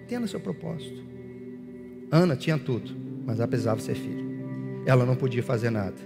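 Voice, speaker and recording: A man's voice: medium pitch, lively intonation, fast, vocal fry, over music. Man preaching in a reverberant hall. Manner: leads the congregation in prayer, acting out prayers aloud. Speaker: pastor. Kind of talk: sermon.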